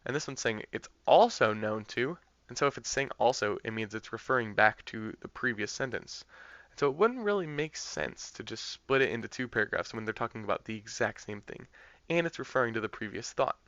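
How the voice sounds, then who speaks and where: Male tutor, bright forward voice, casual step-by-step explainer, dry slightly dull recording. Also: fairly low pitch, expressive, brisk, dry recording. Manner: conversational, thinking aloud with fillers and restarts. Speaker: test prep tutor. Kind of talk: explaining practice test answers.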